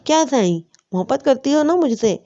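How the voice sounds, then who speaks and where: A woman's voice: high voice, animated, dark tone, pitched above the performer's own voice. A woman voicing a selfish, manipulative young husband who presses and coaxes, on a dull lo-fi recording. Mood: pressing. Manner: pressing, coaxing.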